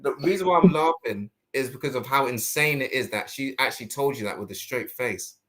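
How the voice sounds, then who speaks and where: A man hosting a casual podcast discussion, talking in animated rhetorical bursts. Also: mid-range voice, brisk, a crowd in the background. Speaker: host.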